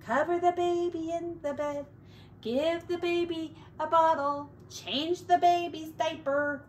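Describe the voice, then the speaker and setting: Slight background noise accompanies a woman teacher speaking very slowly and unhurriedly to young children. Her high voice is expressive and lilting, with elongated words and whispered-down asides.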